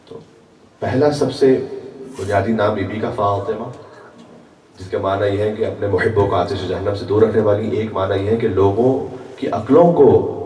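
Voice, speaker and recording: A man's voice: fairly low pitch, mellow. A male guest preacher delivering a religious sermon at a gathering, weaving chanted quotations into his explanations. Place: large hall at a religious gathering. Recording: echoey hall picked up from far off.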